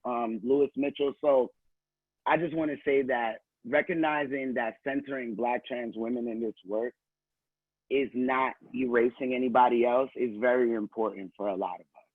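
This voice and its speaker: A man's voice: medium pitch, fairly even intonation, moderate pace, husky, dry recording. Nervous, giggly man on a tinny line. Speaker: communications director. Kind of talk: casual online panel talk. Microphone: video call. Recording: tinny phone-like audio.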